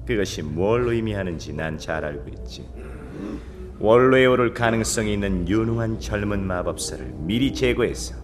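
Deep, sneering dark lord played by a man. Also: expressive, normal speed, over music, natural voice. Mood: scornful. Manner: dark lord, mocking and imperious. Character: proud male demon king, dark lord, sneering and menacing. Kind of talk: dramatic fantasy audio drama acting.

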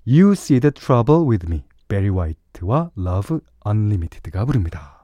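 A man's voice: fairly low pitch, big pitch swings, very slow. A middle-aged man hosting a radio music show, reading listener messages in a chatty, playful way.

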